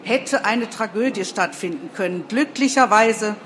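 A woman's voice: mid-range voice, a bit bright, a little hiss or hum, close to an everyday voice. A woman voicing a bossy, self-important young female TV reporter who orders everyone around. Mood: on-air. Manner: commanding, brisk, self-important.

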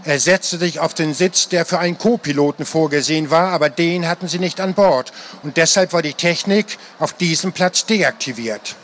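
High-voiced man reading a story aloud. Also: normal speed, hardly any pauses, a bit bright, slight background noise. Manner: dramatic storytelling, acting out the characters. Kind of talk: live reading of an adventure novel.

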